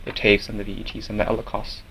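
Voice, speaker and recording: Young Norwegian man, low-voiced student president, measured interview answers, faint room ambience behind. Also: completely flat delivery, vocal fry, fairly bright tone, a little hiss or hum, low-quality recording. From Norway. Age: young adult. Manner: measured, with many fillers and restarts.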